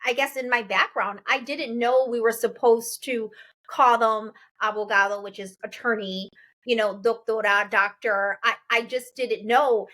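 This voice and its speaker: This host, a woman in her 40s from Chicago, speaks in a slightly high voice without hurrying. Her casual interview style is lively, and she tends to repeat what her guest says.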